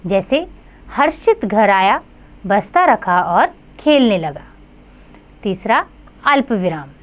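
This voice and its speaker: Slow, lively-voiced woman teaching children. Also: medium pitch. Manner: slow, clear, sing-song teacherly delivery to children. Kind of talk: scripted grammar lesson for children.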